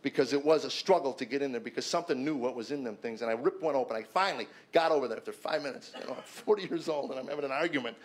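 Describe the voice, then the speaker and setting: Barely pausing and speaking very fast, a man in his fifties gives a testimony about his life to a men's group. When a word won't come he repeats himself, and as an emphatic storyteller he gets loud and high-pitched at the peaks.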